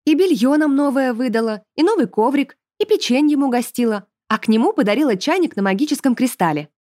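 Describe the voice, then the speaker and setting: A woman's voice: sits high, animated, fairly quick, dark tone, no room sound, clean studio sound, voice pushed up. A woman reading an audiobook, voicing a sweet, eager, bookish student girl with a chatty manner. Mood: delighted.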